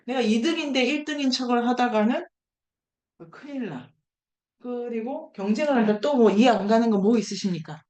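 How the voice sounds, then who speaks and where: Leading an online book seminar, a lecturer speaks informally to her group, thinking aloud, asking questions and repeating key words for emphasis. Her voice sits on the high side and is a little mellow, at a moderate pace in a roomy-sounding space.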